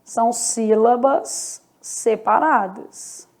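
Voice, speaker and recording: A woman's voice: a little high, extremely slow, darkish tone. A woman teaching Portuguese in an online lesson, explaining step by step and often checking in with the viewer. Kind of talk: online exam-prep lesson.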